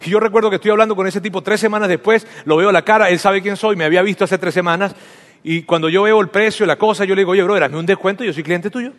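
A man's voice: high-pitched, steady tone, quick pace, a bit bright. A man preaching a sermon and telling his own story, speaking to the listener intimately as though in conversation. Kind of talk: sermon with personal testimony. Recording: long reverb of a large hall.

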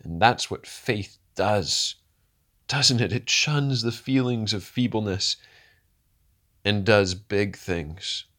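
Dramatic, low-voiced male preacher. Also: slow pace. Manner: dramatic swings from hushed to loud, rhetorical questions. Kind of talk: sermon.

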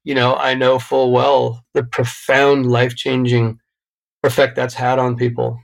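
A man's voice: mid-range voice, completely flat delivery, unhurried, gravelly, rough recording. A middle-aged man, a guest in an interview, telling a personal story in a reflective, emotional way with frequent restarts. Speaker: podcast guest. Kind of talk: interview conversation.

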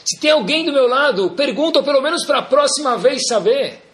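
A man with a Brazilian Portuguese accent teaching a Torah class in an animated way, full of rhetorical questions and jokes for his audience. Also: extremely high pitch, brisk. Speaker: religious teacher.

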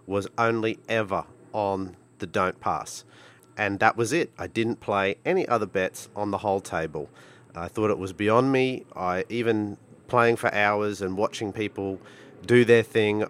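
Male podcast host, middle-aged, Queensland Australian accent, low smooth voice, dry close sound. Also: a bit bright. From Brisbane, Australia. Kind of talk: casual solo podcast talk.

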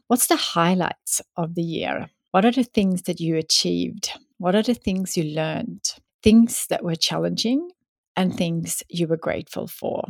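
A woman's voice: lowish voice, gravelly, no room sound, studio quality. A woman hosting a solo advice podcast, upbeat and encouraging, speaking to the listener in a tidy, step-by-step way. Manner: encouraging, addresses listener directly. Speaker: podcast host.

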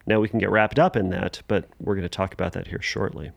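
A man hosting a solo podcast, talking casually with restarts and fillers and sudden lively jumps in pitch. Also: quick pace, vocal fry, no echo. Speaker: podcast host.

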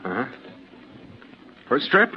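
A man's voice: slow pace, lightly acted. A man voicing a cunning schemer in a 1940s radio drama, murmuring plots and making friendly small talk. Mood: affable. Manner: low conspiratorial murmur, then affable small talk. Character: cunning man faking a heart attack. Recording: lo-fi old radio recording, noisy.

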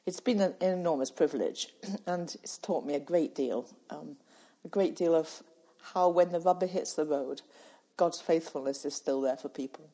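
An older British woman, once president of a charity, tells reflective stories as an interview guest, laughing easily in a warm, low-pitched voice at a normal speed. It's conversational interview storytelling, and the audio is lo-fi and a bit muffled.

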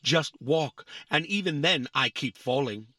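A man's voice: on the high side, animated, measured pace, bright, forceful tone, no room sound. A man voicing a literal-minded young boy robot in a family audio drama, stating times down to the millisecond. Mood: earnest. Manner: pedantic, counts exact milliseconds.

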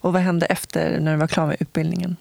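An interviewer asks brief, encouraging questions in a casual chat. The voice has a gravelly edge and sits at a middle pitch. The recording is dry and close. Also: little pitch movement, darkish tone, no echo.

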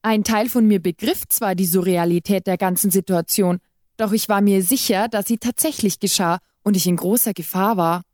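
A woman's voice: mid-range voice, moderate pace, a little mellow, no room sound. Woman reading a short story dry. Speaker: reader. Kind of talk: scripted narration of a short story.

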